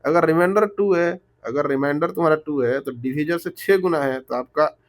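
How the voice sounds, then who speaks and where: Man, slightly high voice, slow repetitive math tutor with rhetorical questions. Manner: switches between Hindi and English terms. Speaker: math teacher. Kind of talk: explaining math problems step by step.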